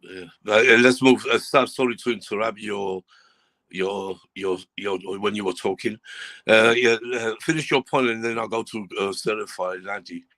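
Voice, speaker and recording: A man's voice: fairly low pitch, normal speed, no room sound. An exasperated man hosts a casual football fan chat, his voice rising as he vents. The sound is dry and close, with little room around it. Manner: agitated, exasperated and loud. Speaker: podcast host.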